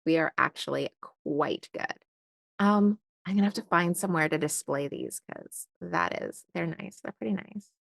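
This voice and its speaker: A woman's voice: fairly low pitch, normal speed, vocal fry, dry recording. A young woman chatting casually while unboxing stationery and thinking aloud with lots of fillers. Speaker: stationery vlogger.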